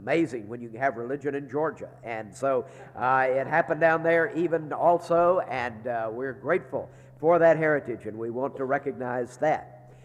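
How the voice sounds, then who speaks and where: A man's voice: mid-range voice, normal speed. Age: middle-aged. Sex: man. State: congested from a sinus infection, sounding like he's inside a barrel. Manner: folksy, joking chapel announcements. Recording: long reverb of a chapel hall. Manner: folksy and joking, with frequent "uh" fillers. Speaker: seminary leader giving chapel announcements. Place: large chapel.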